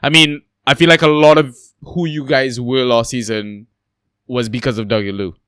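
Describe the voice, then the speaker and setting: A man's voice: medium pitch, steady tone, normal speed, fairly bright tone, clear, resonant tone, no room sound, studio quality. A man hosting a casual podcast who asks questions in a chatty, hesitant way, with many fillers and restarts. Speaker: podcast host.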